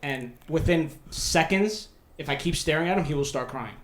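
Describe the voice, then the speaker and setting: A man's voice: on the high side, moderate pace, roomy sound. A man who grew up in New York, telling stories bluntly in a casual podcast chat, swearing often.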